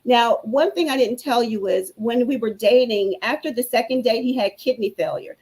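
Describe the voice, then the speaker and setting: A woman's voice: a little high, moderate pace, darkish tone, low-quality recording. A woman guest on a talk show telling her own story in an earnest, preacherly way. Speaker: guest speaker. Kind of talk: personal testimony on a talk show.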